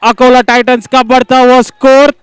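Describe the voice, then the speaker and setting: A man's voice: very high voice, flat delivery, moderate pace, smooth, no room sound. A man announcing scores and overs in live cricket commentary, with formal phrasing.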